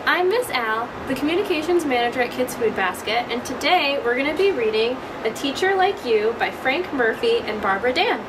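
A young woman reading a picture book aloud for young children, deliberately, with drawn-out phrases. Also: sits high. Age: young adult. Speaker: communications manager reading aloud as host. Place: indoor office room with couch. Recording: steady background room noise.

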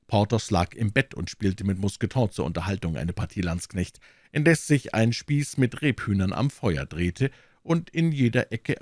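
Male audiobook narrator, low voice, expressive, dry close recording. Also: no room sound. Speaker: audiobook reader.

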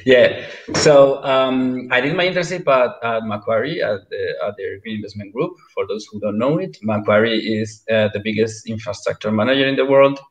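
A man's voice: on the low side, moderate pace, hardly any pauses. A man, a panel guest, who speaks hesitantly and repeats words as he searches for them, on a video call. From Bilbao, Spain. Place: home room, indoors. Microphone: video call webcam. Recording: roomy, dull video call audio.

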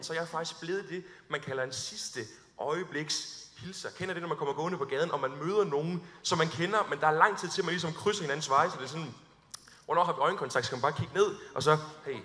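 A young man preaching to an audience in a big hall, his voice high and bright, with a long echo trailing after each phrase. He tells funny stories about himself and acts out his awkward moments before turning earnest. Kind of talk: sermon with humorous stories.

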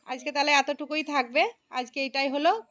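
A woman teaching a room of young pupils in a very high, bright voice. She calls on each child by name, patiently repeats the key phrases and encourages every answer. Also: moderate pace. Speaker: primary school teacher. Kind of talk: classroom lesson.

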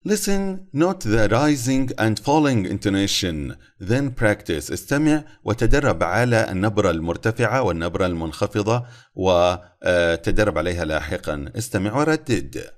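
Guy teaching an english textbook, lowish voice, swings up and down a lot. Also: animated. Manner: reads English phrases slowly then explains in Arabic quickly. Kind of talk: recorded textbook lesson.

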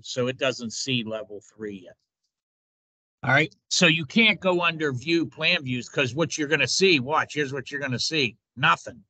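Bright-voiced man teaching software steps. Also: medium pitch, no room sound. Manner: informal step-by-step instruction, repeated "watch". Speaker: instructor. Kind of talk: screen-recorded software tutorial.

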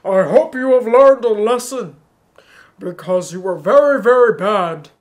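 A woman's voice: a little high, animated, a little slow, a little mellow, voice pushed down. A woman voicing a stern old male Santa, solemn and scolding, in a told children's story.

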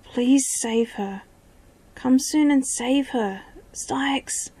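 A woman's voice: on the high side, a little slow, warm tone, breathy edge, exaggerated voice. A woman voicing a desperate young male prince held captive, pleading.

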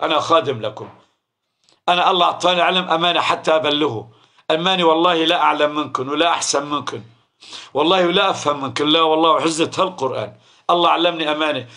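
A man's voice: fairly high pitch, pushed and bright. A man with a Syrian Arabic accent preaching a Ramadan sermon on the Quran, firing rhetorical questions and acting out short dialogues.

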